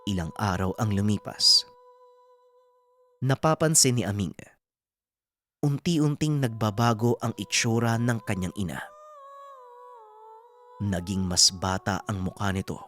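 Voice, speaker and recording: A woman narrating a folk horror story in a steady, plain storytelling manner. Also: rumbling low, measured pace, long pauses, faint music behind.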